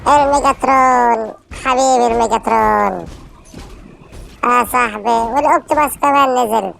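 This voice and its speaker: Gravelly Egyptian woman calling game action. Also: a little high, fairly quick, slight background noise. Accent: Egyptian Arabic. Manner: excited, urging teammates, frequent shouted calls. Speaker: gamer streamer. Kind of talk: live gameplay commentary.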